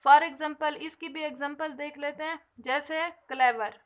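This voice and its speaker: A woman teaching an English grammar lesson, explaining patiently and slowly stretching out the example words. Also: sits high, steady tone.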